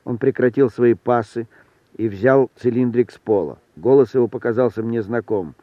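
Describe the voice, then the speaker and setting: A man reads a story aloud in an even, wry manner. His voice is mid-pitched. The sound is thin and phone-like, dry and close. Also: normal speed, no echo. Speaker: audiobook reader. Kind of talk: storytelling narration.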